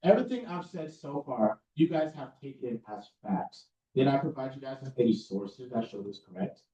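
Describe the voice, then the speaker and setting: Relaxed and confident, a young man addresses a student club on public speaking, lowering his voice to sound authoritative at a normal pace. A distant mic catches him across an echoey meeting room, leaving the sound somewhat dull.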